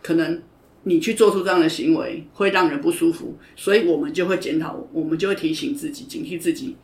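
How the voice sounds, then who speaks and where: A woman's voice: deep voice, brisk, creaky, a little mellow. A woman judo coach, talking frankly and emphatically in an interview, repeating her points. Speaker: judo coach and podcast guest. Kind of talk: casual interview chat. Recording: roomy echo.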